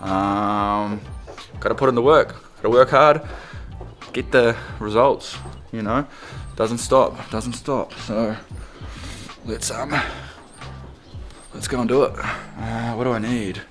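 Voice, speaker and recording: Casual Kiwi male vlogger, informal salesman delivery, mid-pitched, roomy sound. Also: slow, pauses often, a bit bright, faint music behind. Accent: New Zealand. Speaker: vlogger and car detailing business owner. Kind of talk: casual vlog talk and sales calls.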